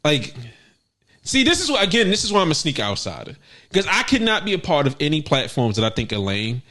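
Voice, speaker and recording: A young man co-hosting a podcast, chatting casually with animated, profane storytelling. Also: brisk. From United States. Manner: animated, profane, bursts into high exclamations. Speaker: podcast co-host. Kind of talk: casual chat.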